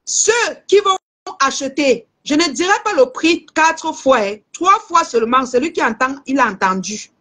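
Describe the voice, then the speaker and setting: A young Cameroonian woman with a Cameroonian French accent, selling goods on a live stream and chatting warmly to her viewers. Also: sits high, moderate pace. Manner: lively, addresses viewers as aunties. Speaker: live seller. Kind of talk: casual live-stream sales chat.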